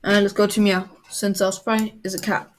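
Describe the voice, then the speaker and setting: A woman as a coding tutor, explaining a software tool step by step in a screen-recorded tutorial. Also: mid-range voice, flat delivery, normal speed, a little hiss or hum.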